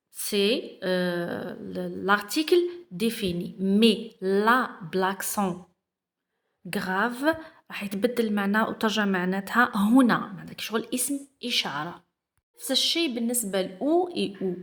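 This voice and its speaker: A woman with an Algerian Arabic accent, recording a primary school lesson. She switches between Arabic and French and dictates French words slowly, repeating them. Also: medium pitch, fairly bright tone.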